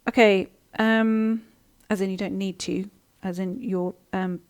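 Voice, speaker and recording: A woman's voice: mid-range voice, fairly even intonation, measured pace. Chatty woman hosting a live coaching stream. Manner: chatty, warm-hearted, many ums and restarts. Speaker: host of a live coaching session. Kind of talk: live stream, reading viewer comments and answering.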